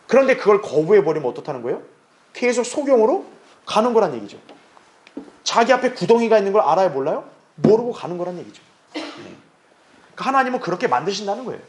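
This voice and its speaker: A man's voice: high voice, fast talker, long pauses. A male pastor giving an expository Bible lesson, asking rhetorical questions, answering them himself, and acting out quoted lines. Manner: acts out quoted speech in lively voices.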